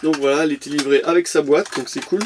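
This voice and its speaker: Male vlogger, fairly high voice, rambling unboxing chat. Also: steady tone, quick pace, background noise. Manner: chatty, with frequent fillers and restarts. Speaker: toy car collector vlogger. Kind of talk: casual unboxing vlog.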